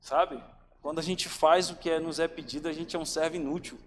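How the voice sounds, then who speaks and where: Male preacher, casual sermon delivery, slightly high voice, long church reverb. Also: steady tone, a little fast. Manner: informal, addresses listeners as "cara" and "irmãos". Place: church hall. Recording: reverberant church hall, faint ambient noise.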